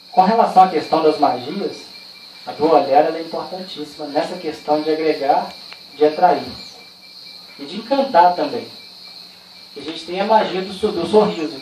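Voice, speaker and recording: A man with a Brazilian Portuguese accent leads a training session in a relaxed, conversational way, asking rhetorical questions and telling personal stories. His voice sits fairly high and carries through a roomy, echoing space. He is picked up from some distance away, and faint crickets and insects can be heard behind him. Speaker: workshop trainer. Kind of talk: informal training talk. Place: indoor training room. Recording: echoey room, far from the mic, faint insect noise.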